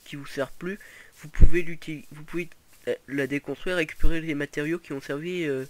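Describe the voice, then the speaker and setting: A man's voice: on the high side, steady tone, a little fast. Rambling young man narrating his gameplay. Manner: rambling, frequent fillers and restarts, chuckles. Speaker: gaming video host. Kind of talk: casual gameplay commentary.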